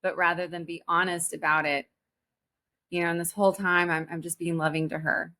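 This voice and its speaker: Earnest woman in her forties, lower-pitched. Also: little pitch movement, pushed and bright. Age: 40s. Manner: earnest, halting, with many restarts. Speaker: guest, spiritual teacher. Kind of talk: personal story in a podcast interview.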